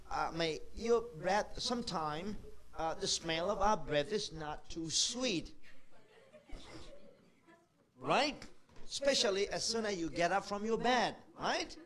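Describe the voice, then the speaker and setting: A middle-aged man with a notably high voice leads a children's Bible class. He asks the same question again and again, coaxing the children to answer, in heavily accented non-native English. He talks slowly and takes his time. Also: a bit bright.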